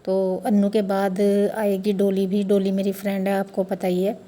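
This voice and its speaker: A woman's voice: medium pitch, completely flat delivery, moderate pace, dark tone. A woman chatting to viewers in a casual family vlog, explaining household customs step by step. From India. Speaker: family vlogger. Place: family home during a festival.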